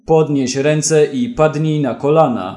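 A man's voice: medium pitch, lively intonation, measured pace, darkish tone, roomy sound, close to an everyday voice. A man voicing an armed man who makes cold, mocking threats. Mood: threatening.

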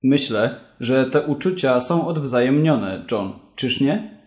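A man's voice: medium pitch, expressive, takes it slowly. A man voicing a dry, sarcastic police detective in a read-aloud story. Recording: roomy echo.

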